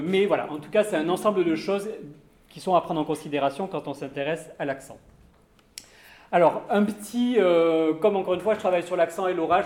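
A man's voice: on the high side, a little mellow, echoey room. A man giving an academic conference talk on accents, thoughtful and hedging, with many fillers and restarts. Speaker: lecturer on accents.

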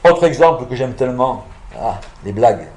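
A man's voice: medium pitch, expressive, moderate pace, darkish tone, roomy sound. A man giving an academic lecture, explaining patiently with many fillers and self-corrections.

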